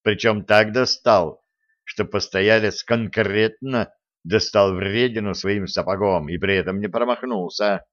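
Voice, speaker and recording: A man narrating a fairy-tale audiobook in a low, slow, even voice. The telling is unhurried and the sound is dull and lo-fi. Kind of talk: scripted fantasy narration.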